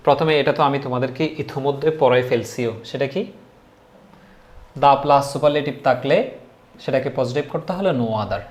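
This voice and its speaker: A male teacher giving a casual grammar lesson, repeating key points and quizzing his students. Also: medium pitch. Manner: repetitive, drilling students with questions. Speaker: English teacher.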